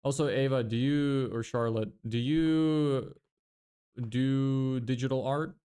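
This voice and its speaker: This twentysomething from Lithuania is casually chatting on a livestream about the business he's building, pausing to answer viewers' questions as they come in. He speaks slowly, with fairly even intonation, in a smooth, clear, dark-toned voice of ordinary middle pitch. Fillers are frequent, and he often reworks sentences halfway as he thinks out loud.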